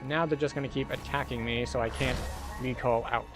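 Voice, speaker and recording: A man's voice: mid-range voice, fairly even intonation, brisk. A man giving casual commentary while he plays a video game. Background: game music.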